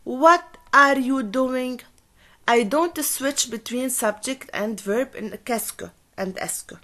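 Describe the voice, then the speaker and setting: Slow, high-voiced woman teaching French. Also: fairly bright tone. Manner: explains patiently, switching between French and English, repeating key words. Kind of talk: classroom grammar explanation.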